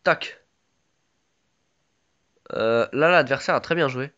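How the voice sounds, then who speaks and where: A man's voice: mid-range voice, takes it slowly, sharp tone, lo-fi sound. A man with a sore throat giving casual live commentary on his own game, chatty and full of gamer slang.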